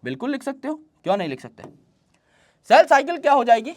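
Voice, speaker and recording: A male teacher explains biology to students in an online class. He keeps asking rhetorical questions and answers them himself, and he slows right down whenever he dictates an English definition. He also brings in homely comparisons from everyday life. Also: extremely high pitch, wildly swooping pitch, darkish tone. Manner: mixes English terms into Hindi explanation; uses folksy everyday comparisons.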